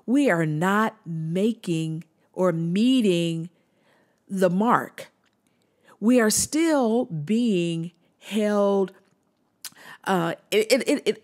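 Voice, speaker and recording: A woman, a body liberation coach, giving earnest commentary to the camera, often repeating and restarting words for emphasis. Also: on the low side.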